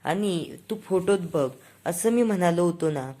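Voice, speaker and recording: Coaxing, teasing young husband for a storybook retelling, a woman reading the part, lowish pitch. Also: animated, a little slow, warm tone. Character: affectionate young husband coaxing his wife.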